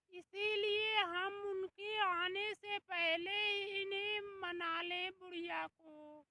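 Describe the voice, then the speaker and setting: A performer voicing a sulky, sharp-tongued young daughter-in-law with a Bhojpuri-tinged accent in a comic skit, whiny and complaining. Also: very high-pitched, no echo, exaggerated voice. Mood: scheming. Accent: Bhojpuri-tinged Hindi. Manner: complaining, wheedling, talks back.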